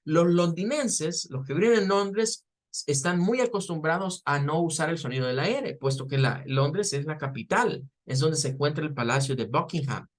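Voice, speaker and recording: A man's voice: fairly high pitch, lively intonation. Man teaching English pronunciation patiently. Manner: patient, explanatory, repeats words slowly to model pronunciation. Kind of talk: online class lecture.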